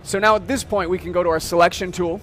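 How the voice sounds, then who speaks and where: Casual man demoing software. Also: high-pitched, fairly even intonation, fast talker, music in the background. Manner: casual, explains step by step, frequent "okay?". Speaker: software demonstrator. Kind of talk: casual product demo. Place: trade show floor.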